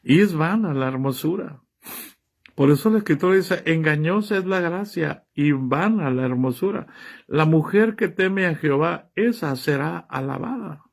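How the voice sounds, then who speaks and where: High-voiced man preaching a sermon. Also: lively intonation, moderate pace, creaky. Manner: fires rhetorical questions at listeners; reads scripture aloud and comments on it.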